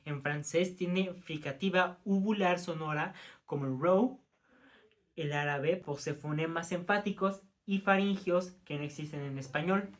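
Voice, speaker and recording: A man talks through a language lesson as if he were the teacher of a class. He trips over technical words and restarts them, mixing the lecture with casual remarks aimed at his classmates. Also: a little high. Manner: stumbling over terms, frequent self-corrections; informal asides to the class. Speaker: student presenting as teacher.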